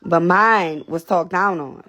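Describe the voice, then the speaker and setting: A woman's voice: lowish voice, slow, bright, forceful tone. A young woman talking casually and bluntly to livestream viewers. She swears, repeats herself, and sounds out of breath. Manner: blunt, repetitive, profane. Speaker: livestream host.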